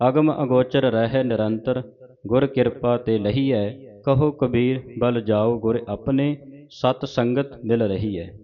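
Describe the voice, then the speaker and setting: A man with a Punjabi accent reciting scripture verse by verse as a teacher, pausing to correct pronunciation. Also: medium pitch. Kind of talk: slow measured recitation lesson. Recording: dull lo-fi recording.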